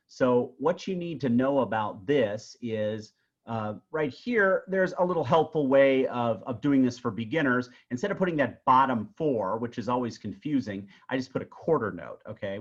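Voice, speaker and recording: A male instructor talks through a music theory lesson in a casual, explanatory way, checking in with "okay?" after nearly every point. His voice sits at an ordinary pitch. The audio is a bit dull and lo-fi. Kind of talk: recorded tutorial lecture.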